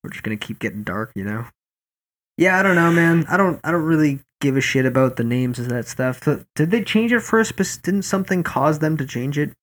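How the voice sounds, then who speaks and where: A man's voice: a little high, expressive, a little fast, fairly bright tone. A man co-hosting a podcast, talking in casual, profane, joking banter. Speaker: podcast co-host.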